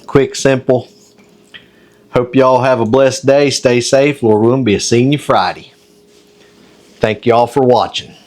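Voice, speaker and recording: A man's voice: medium pitch, fairly even intonation, unhurried, pauses often, a little mellow. A man, talking in a folksy, homespun way as he cooks supper at home for a casual cooking video. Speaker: home cook host. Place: home kitchen.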